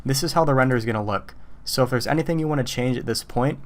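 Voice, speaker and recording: A man who says he is losing his voice, casually talking through a software tutorial step by step as he works. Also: medium pitch, fast. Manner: casual, relaxed, talks through steps as he works. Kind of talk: screen-recorded tutorial walkthrough.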